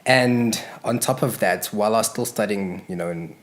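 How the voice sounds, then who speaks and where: Young man, from Zimbabwe, very deep voice, podcast guest, candid, relaxed. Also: normal speed. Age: young adult. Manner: candid, frank, with fillers and asides. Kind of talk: relaxed conversational storytelling.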